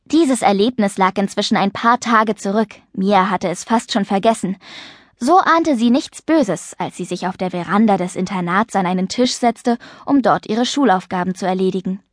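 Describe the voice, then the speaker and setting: A woman narrating a children's audiobook with clear, lively storytelling. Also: medium pitch, no room sound, clean studio sound.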